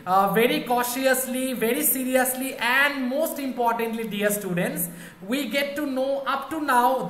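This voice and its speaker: Woman teacher, explanatory and repetitive, high voice, echoey room. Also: fairly bright tone. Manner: explanatory, repetitive, addresses students directly. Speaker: English teacher. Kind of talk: online literature class.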